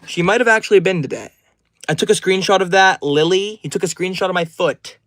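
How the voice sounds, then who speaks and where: A man's voice: high voice, brisk, fairly bright tone, dry recording. A twenty-year-old man live streaming, reading out chat names and answering each message in a friendly, upbeat way. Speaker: livestreamer.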